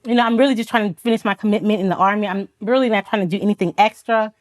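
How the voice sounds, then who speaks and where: A woman speaks in a mid-range voice, steady in tone but racing. An Army officer from Florida, United States, whose first language is Haitian Creole, she shares her personal story as a podcast guest, reflective and earnest, retelling events with quoted dialogue and laughing often.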